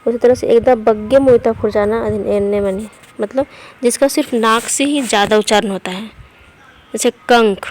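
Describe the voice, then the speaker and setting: A woman's voice: on the high side, a little fast, a little mellow. A woman giving an online language lesson. She explains step by step, reads letters and example words one at a time, and often checks in with "okay". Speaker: language teacher.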